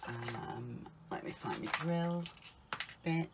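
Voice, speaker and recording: Low, unhurried woman crafting. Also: creaky, heavy background noise. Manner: chatty, often calls viewers guys, mutters softly to herself while working. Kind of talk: casual crafting tutorial.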